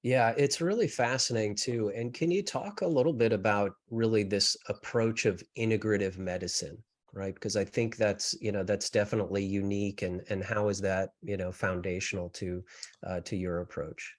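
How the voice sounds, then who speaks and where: A man's voice: fairly low pitch, steady tone, moderate pace. A man hosting a podcast interview, chatting casually and tagging his sentences with "you know" and "right?". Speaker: podcast host.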